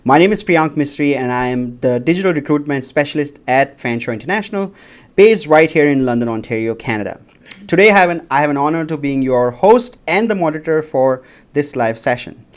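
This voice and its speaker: A man's voice: fairly high pitch, animated, brisk. Man hosting a livestream, formal and polite. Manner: formal, polite, announcing notes. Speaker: livestream host and moderator. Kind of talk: scripted livestream moderation.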